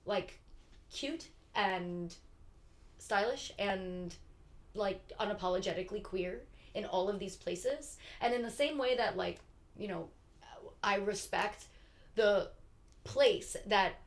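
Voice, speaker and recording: A young woman from Philadelphia, a guest on a podcast, talking casually in an animated, rambling way with many fillers. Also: mid-range voice, slow pace, pauses often. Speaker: podcast guest, actor and writer. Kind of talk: casual conversation.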